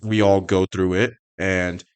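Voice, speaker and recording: A man hosting a podcast, speaking in a relaxed, conversational way. He reads listener questions aloud and adds his own thoughts. His voice sits somewhat low. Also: a little slow, clean tone. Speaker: podcast host.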